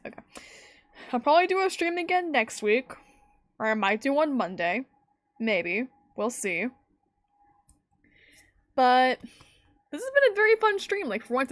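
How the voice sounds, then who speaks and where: A fairly high-pitched woman chats casually on her stream, rambling and breaking into giggles. Her voice is close to the mic and dry. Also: big pitch swings, a little slow, pauses often, a bit bright, no room sound. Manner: giggly, rambling, laughs often. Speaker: streamer host. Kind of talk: casual chat.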